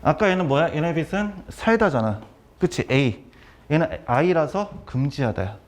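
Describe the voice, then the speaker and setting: Brisk man lecturing on vocabulary. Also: on the high side, expressive. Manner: brisk, repeats key terms, quizzes students. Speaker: academy director teaching vocabulary.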